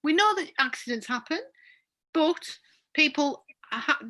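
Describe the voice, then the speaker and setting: With a high, pushed, bright voice and lively intonation, a middle-aged woman from North East England talks at a measured pace. She's a teasing, incredulous podcast co-host in casual chat, laughing frequently, with an accent that drifts toward Yorkshire.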